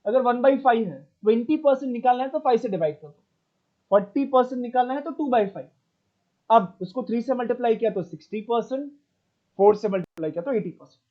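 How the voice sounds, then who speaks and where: A man's voice: very high-pitched, animated, brisk. Man teaching math over a dull call. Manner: mixes Hindi and English, checks in with students often. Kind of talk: online class lesson.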